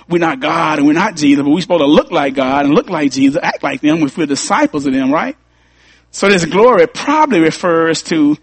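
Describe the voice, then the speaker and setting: A man's voice: fairly high pitch, slightly rough, dry recording. A man preaching a sermon as pastor, repeating key lines and rising to emphatic peaks.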